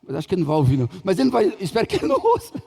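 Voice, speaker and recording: A middle-aged Brazilian pastor with a Brazilian Portuguese accent tells stories in a sermon at a large church, joking and acting out dialogue in a humorous, chatty manner. His voice sits high with huge pitch swings, racing speed, vocal fry, a slightly mellow and slightly rough quality. The church hall is reverberant.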